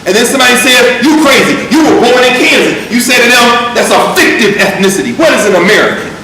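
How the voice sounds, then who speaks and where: A man teaching a university class, reading from a text and breaking into animated, emphatic asides. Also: very high voice, fast talker, recorded from a distance. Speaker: university lecturer. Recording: echoey lecture room recorded from afar.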